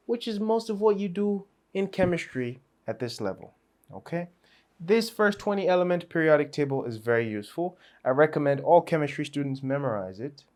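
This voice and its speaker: A man teaching a chemistry revision lesson in a playful, chatty way, with asides and small laughs. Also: on the high side.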